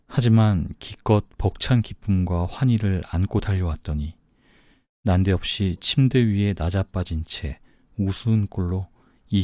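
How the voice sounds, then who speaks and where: A man voicing a soft-hearted, newly engaged young man in an audiobook, speaking gently and plaintively. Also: low voice, dry recording, clean studio sound.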